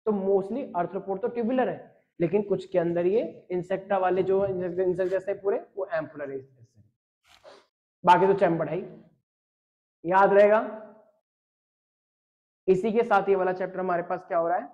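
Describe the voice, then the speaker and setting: Man, high voice, biology teacher, joking and teasing, mix, dull lo-fi audio. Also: measured pace, long pauses. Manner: jokey, teasing, talks straight to students. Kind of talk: online class lecture reading chat questions.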